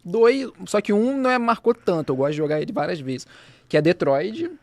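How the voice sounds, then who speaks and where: Rapid rambling young Brazilian man. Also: high-pitched, animated, a little mellow, no room sound. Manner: rambling, many restarts and slang. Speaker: podcast co-host. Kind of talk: casual chat.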